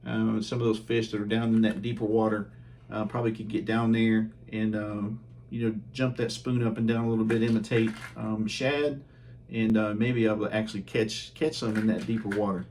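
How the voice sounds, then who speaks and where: A man hosting his fishing channel, casually reviewing baits at home in a relaxed, chatty way with lots of ums and uhs. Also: fairly low pitch, brisk, a little hiss or hum.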